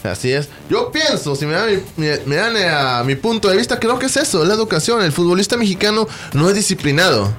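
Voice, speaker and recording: A man co-hosting a sports talk radio show who argues his points with many pauses and restarts. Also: high-pitched, very animated, fairly bright tone, soft background music. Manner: hesitant, many fillers and restarts while arguing a point.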